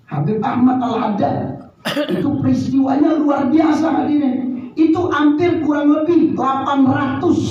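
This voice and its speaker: High, animated preacher, echoey hall. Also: male voice, a little hiss or hum. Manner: animated, joking, acts out quoted voices. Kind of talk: storytelling sermon. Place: large hall at a religious gathering. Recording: echoey hall from far off, dull sound.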